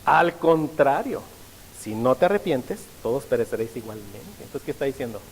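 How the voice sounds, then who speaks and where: A man's voice: mid-range voice, animated, moderate pace, in a large hall, a little hiss or hum, poor audio. A male pastor preaching a sermon, often stopping to ask the congregation rhetorical questions.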